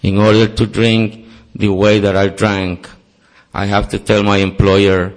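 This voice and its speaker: Measured in pace, his lowish voice shows little pitch movement. This Costa Rican man speaks Spanish as his first language, has a Costa Rican Spanish accent, and delivers an earnest account of his own life at a recovery meeting in a meeting hall, humor aimed at himself.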